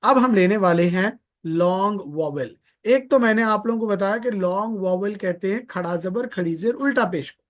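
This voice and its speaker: Teaching Quran recitation live online, a high-pitched man talks at a normal speed. He patiently repeats himself, demonstrates by drawing out vowel sounds, and weaves in pious blessings.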